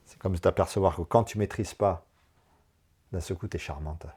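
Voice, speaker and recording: A man coaching a woman through a personal session, animated and encouraging, talking in quick bursts. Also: deep voice, husky. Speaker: enneagram coach.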